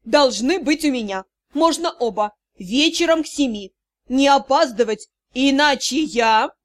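A woman's voice: high-pitched, animated, a little slow. A woman voicing a domineering noble mother-in-law who hisses curt orders, in an audiobook reading. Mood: threatening. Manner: commanding, clipped orders. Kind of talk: audiobook character voice.

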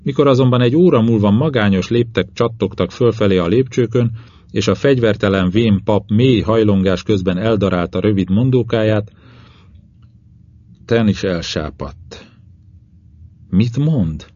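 A man narrating a first-person novel as an audiobook reader, measured and steady. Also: lowish voice, no echo, dull audio.

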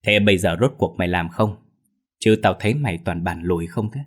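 A man voicing a crude, foul-mouthed male thief who yells, curses and scolds his friend in a raised voice. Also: low-pitched, a little fast. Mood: scolding. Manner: loud, cursing, scolding.

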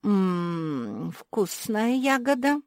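A woman voicing a spoiled, rich young labrador girl who whines and demands loudly. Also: medium pitch, very animated, drawn-out words, dry recording, studio quality, pitched above the performer's own voice, heavily acted. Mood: bossy. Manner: whiny, demanding, loud.

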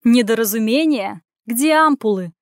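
A domineering head nurse who scolds in a high, sharp, indignant voice, as a woman reading the story puts her on. She speaks in rapid, accusing bursts, recorded close and dry with no room sound. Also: animated, no room sound. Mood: harsh.

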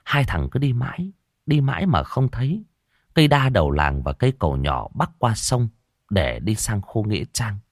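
A man narrating a horror story in a dramatic, expressive way. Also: lowish voice, normal speed, dry recording, studio quality.

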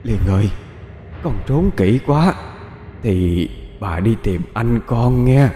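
A man voicing a ghostly fake grandmother who calls out slowly and softly. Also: medium pitch, expressive, roomy sound, big-room sound, slight background noise. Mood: eerie coaxing. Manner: slow, soft, drawn-out calling.

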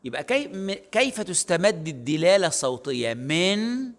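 A male university lecturer with an Egyptian Arabic accent explains things casually in a recorded online lecture, full of fillers and self-corrections. His voice is on the high side and sing-song, moving at a normal speed.

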